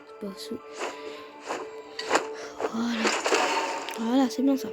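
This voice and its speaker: A woman's voice: on the high side, steady tone, slow pace, loud music behind the voice. A woman hosting a gaming video, giving casual gameplay commentary and reacting aloud to the play with exclamations.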